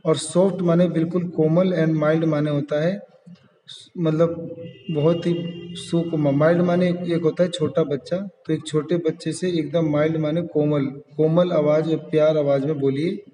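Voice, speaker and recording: A man teaching a class, reading the English lines of a poem very slowly and then explaining each one. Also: a little high, little pitch movement, warm tone. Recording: echoey room, far from the mic.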